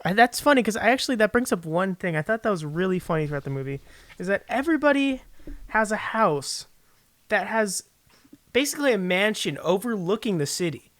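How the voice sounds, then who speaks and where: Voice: medium pitch, animated, brisk, a bit bright, dry recording. A podcast guest talking casually about a film, joking and laughing often.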